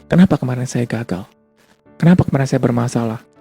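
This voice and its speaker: Gravelly-voiced male pastor preaching casually. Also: medium pitch, fast, warm tone, soft background music. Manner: casual conversational preaching with repetition. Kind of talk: sermon.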